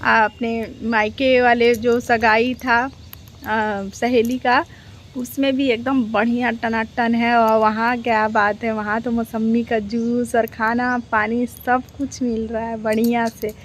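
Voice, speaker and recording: A woman's voice: on the high side, flat delivery, slow, slight background noise. A woman reaction vlogger, chatting casually to her viewers, full of rhetorical questions and repeated phrases.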